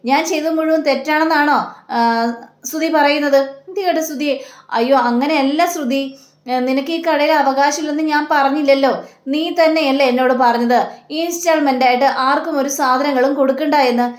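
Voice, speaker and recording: A woman's voice: high voice, fairly even intonation, fairly quick, reverberant. A woman retelling a TV serial episode, acting out each character's lines in turn with lots of fillers. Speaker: serial reviewer.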